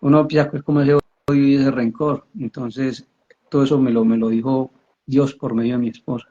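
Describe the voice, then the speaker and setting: A man with a husky, mellow voice tells his conversion story in a flat, even tone. He halts and repeats himself as he goes. The audio is dull and lo-fi. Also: medium pitch. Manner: halting, repeats and restarts words. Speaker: man giving a conversion testimony. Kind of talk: personal religious testimony.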